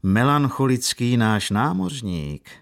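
A man reading a mocking, cool-toned officer's lines slowly in a storybook. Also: mid-range voice, very animated, pitched above the performer's own voice. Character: sneering Viennese lieutenant, cool and mocking.

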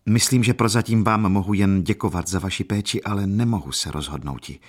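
A man reading an audiobook, voicing a pale, proud young woman who speaks softly and politely. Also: lowish voice, close to an everyday voice. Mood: reserved. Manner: soft, reserved, polite. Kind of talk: audiobook character voice.

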